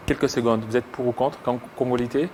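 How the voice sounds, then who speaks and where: A male TV host running an interview, brisk and pressing his guest for short answers. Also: medium pitch, steady tone, darkish tone, slight background noise. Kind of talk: televised interview.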